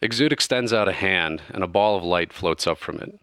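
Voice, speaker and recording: A man's voice: low voice, lively intonation, fairly quick, fairly bright tone, smooth, no echo, studio quality. A man narrating a tabletop game as game master, in a loose, casual way full of fillers.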